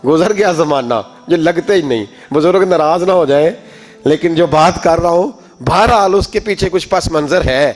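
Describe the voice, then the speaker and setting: Impassioned Pakistani Urdu preacher with music. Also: male voice, on the high side. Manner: impassioned storytelling, acts out quoted voices. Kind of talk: sermon.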